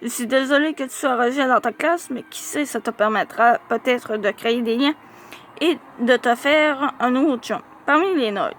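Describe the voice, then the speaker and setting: A woman reading a diary-style youth novel aloud, with lively, expressive storytelling and small slips. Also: high voice, moderate pace, slight background noise.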